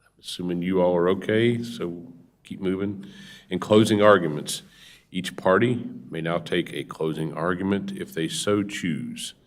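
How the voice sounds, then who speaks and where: Man, deep-pitched voice, board chair, procedural delivery, informal asides. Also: measured pace. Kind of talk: formal meeting procedure. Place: public meeting room.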